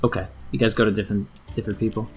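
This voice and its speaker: A man's voice: lowish voice, flat delivery, rapid-fire. A man running a tabletop game, improvising narration and talking casually with players as game master. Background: faint music.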